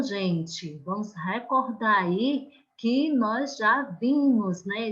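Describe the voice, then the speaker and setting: A Brazilian woman teaching an online class, explaining slowly and patiently and often checking that the children follow. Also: a little high, a bit bright, dull audio. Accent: Brazilian Portuguese.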